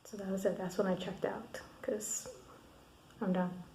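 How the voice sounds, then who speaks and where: A woman recording a candid video diary alone in her room at night, venting and swearing about a hard day, often dropping to a hushed, half-whispered voice. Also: medium pitch, little pitch movement, unhurried, reverberant, slight background noise, rough recording. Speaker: vlogger.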